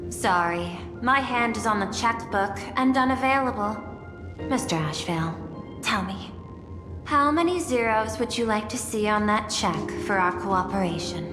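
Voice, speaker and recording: A woman plays a composed, calculating machine intelligence running a company in a game drama. The words are formal and precisely placed with dry wit, at a medium pitch. Long reverb surrounds the voice, with music underneath. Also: lively intonation, moderate pace, natural voice. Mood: dryly teasing. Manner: formal, composed, precisely articulated, dryly teasing. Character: cool, calculating female-voiced artificial intelligence CEO.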